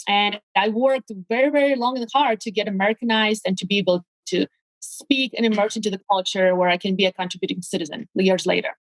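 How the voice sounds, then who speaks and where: Speaking fast in a steady, medium-pitched voice, this non-native English speaker from Latvia is a real estate agent guesting keenly on a relaxed interview. Her Latvian accent is clear, and she repeats words as she hunts for the right phrasing. The audio is dry and poor.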